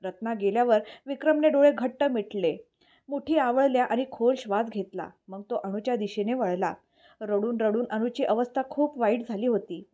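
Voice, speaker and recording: A woman tells a dramatic story with a steady, even delivery. Her voice is mellow and sits a little high. The recording sounds dull and lo-fi. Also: moderate pace. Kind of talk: scripted story narration.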